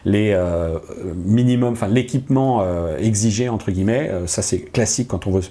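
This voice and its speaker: A man hosting a casual tech chat, agreeable and talkative, filling gaps with quick agreement. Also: fairly low pitch, mellow. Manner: chatty, agreeable, frequent ouais. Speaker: tech show host.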